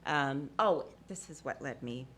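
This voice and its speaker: Low-pitched woman from Ethiopia, panel speaker, halting with fillers, light noise behind. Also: animated, fairly bright tone. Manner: hesitant, many fillers, laughs often. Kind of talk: panel discussion.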